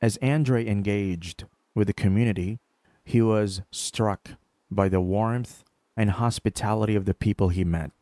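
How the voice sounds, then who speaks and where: Dark, dry-voiced male narrator. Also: lowish voice, measured pace, no room sound. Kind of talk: scripted documentary narration.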